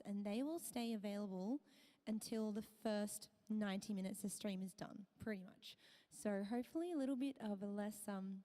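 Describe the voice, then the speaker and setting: A woman with a slightly husky voice chatting casually on a livestream as a singer, thanking viewers and restarting her phrases, with reverb added to her voice. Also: medium pitch, warm tone. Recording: voice with long added reverb tail.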